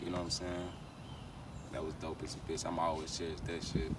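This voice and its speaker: Loud street noise surrounds this outdoor interview, picked up by a far-off mic. The Baton Rouge R&B singer and rapper, with his Louisiana accent, talks fast in a very deep, level voice, keeping it casual and slangy and repeating himself often.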